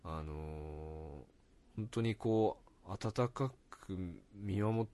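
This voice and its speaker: A podcast co-host chats casually in a low voice, drawing out his words. He's lively and laughs often, talking loosely with lots of fillers.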